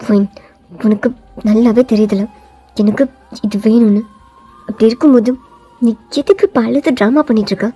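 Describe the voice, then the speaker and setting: A woman's voice: on the high side, moderate pace, long pauses, warm tone, slightly rough, faint music behind, pitched below the performer's own voice. A woman voicing a cold, arrogant young male CEO who talks in a taunting, domineering way. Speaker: voiceover artist.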